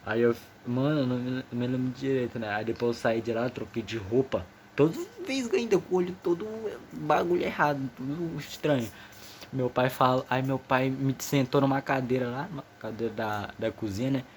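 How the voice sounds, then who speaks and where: A man's voice: medium pitch, fairly even intonation, moderate pace. Nervous teen guy, rambly slangy storytelling, faint noise behind. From Amazonas, northern Brazil. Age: teenager, 15. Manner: slangy, rambling, many restarts. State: a bit nervous. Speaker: vlogger. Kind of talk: casual personal storytelling.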